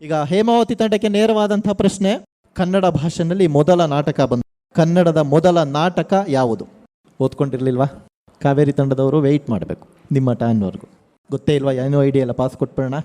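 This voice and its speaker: A man hosting a college quiz show on the radio, energetically urging contestants and reading questions slowly and with emphasis. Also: on the high side, dark tone, no echo. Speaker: quizmaster.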